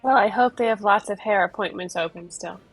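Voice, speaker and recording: A woman's voice: mid-range voice, brisk, slightly rough, dry recording, soft background music, low-quality recording. A woman voicing a wry, unbothered female adventurer with scales, speaking in a dry, teasing, mock-polite way in a tabletop game.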